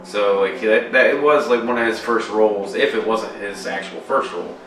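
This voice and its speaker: A young man with a lowish, steady voice and a moderate pace co-hosts a podcast, chatting casually about horror films. His rambling is loaded with swearing and fillers, picked up far from the mic in an echoey room against faint music.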